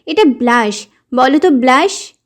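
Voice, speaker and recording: A gentle young woman with a high voice coaxes a little child into repeating words, as the woman storyteller voices her. Her tone is playful and soft-hearted. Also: animated, measured pace. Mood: coaxing. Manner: coaxing, playful.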